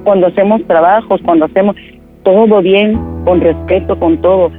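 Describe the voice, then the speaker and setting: A high, shrill voice belongs to a furious Mexican woman who feels betrayed by a friend, played by a man putting on the voice. She scolds insistently, demands to be heard and cuts the other person off. Faint music sits under the prank phone call. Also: steady tone, moderate pace, natural voice. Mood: indignant. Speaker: prank caller.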